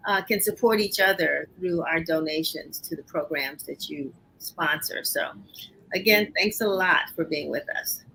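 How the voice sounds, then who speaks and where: Woman host, bright voice, chatty and upbeat, lots of restarts, bit sniffly. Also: low voice, unhurried, gravelly, a little hiss or hum, rough recording. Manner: rambling, many restarts, upbeat. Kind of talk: casual interview chat.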